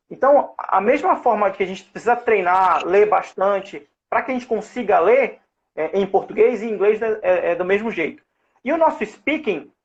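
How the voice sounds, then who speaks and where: A man's voice: sits high, dull audio. A Brazilian man hosting a live interview, explaining in a didactic way with many fillers and restarts. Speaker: host and safety-at-work English teacher. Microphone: online live call.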